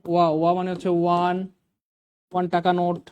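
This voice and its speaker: A man's voice: high-pitched, monotone, brisk, darkish tone, clean tone, highs cut off. Bangladeshi man teaching English grammar. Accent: Bangladeshi Bengali. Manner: quizzing students with rising questions; drills examples by repetition. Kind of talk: classroom grammar lecture.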